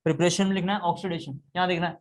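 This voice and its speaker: A man's voice: sits high, fairly even intonation, racing. A man teaching a chemistry class, explaining step by step and repeating key points. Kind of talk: classroom lecture.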